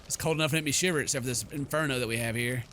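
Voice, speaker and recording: Over game music, a man hosting a let's play reads the story aloud with drama and keeps tossing in relaxed, jokey reactions. His voice is mid-range and fairly bright, his delivery rapid-fire, and a faint hiss or hum is audible.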